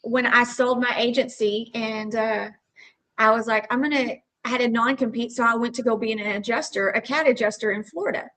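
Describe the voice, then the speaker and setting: A woman from Texas talks casually as an interview guest. She has a Texas accent with a noticeable drawl. Her voice is a little higher than average. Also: fairly even intonation, a little fast, bright, forceful tone, rough recording. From Texas Panhandle, United States. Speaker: podcast guest, roofing company owner. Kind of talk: casual conversational storytelling.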